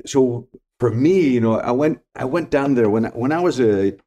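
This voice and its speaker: He's a middle-aged podcast guest, Greek by first language, whose mid-range voice is mellow and expressive and moves at a normal pace. In reflective, conversational storytelling he sounds earnest and emphatic, often restating key ideas.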